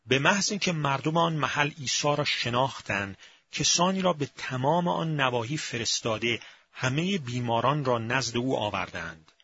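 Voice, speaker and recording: A man reading scripture aloud as scripted narration, in a measured and expressive storytelling manner. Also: medium pitch, slightly rough. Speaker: scripture reader. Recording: slightly muffled with faint music.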